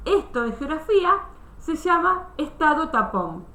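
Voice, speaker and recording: Woman, teacher, bright voice, patient restarts, echoey video call. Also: sits high, very animated, a little slow. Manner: explains step by step, many restarts, checks understanding. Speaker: history teacher. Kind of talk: online class explanation.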